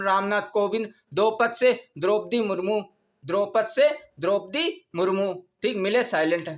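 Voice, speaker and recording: A man's voice: sits high, fairly bright tone. A male exam coaching teacher, giving a lesson and repeating each phrase over and over. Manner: repetitive, drills phrases over and over. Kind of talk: classroom lesson.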